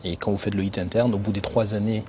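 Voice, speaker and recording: A man who grew up in Benin, an internal auditor answering interview questions in a measured, explanatory way with frequent hesitations. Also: lowish voice, steady tone, noisy background. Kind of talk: corporate career interview.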